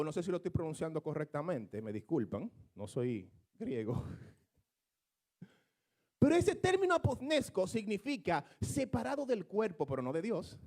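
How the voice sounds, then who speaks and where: A man's voice: high-pitched, a little mellow. A man preaching a sermon, explaining scripture in a teaching manner that rises into fervent, emphatic exclamations.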